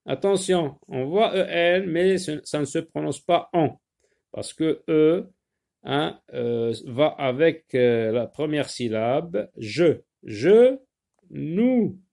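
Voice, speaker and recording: A man's voice: on the high side, slow pace, creaky, a little mellow. A man teaching a French spelling lesson, spelling out words letter by letter and stressing each dictated word. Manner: addresses pupils and parents directly.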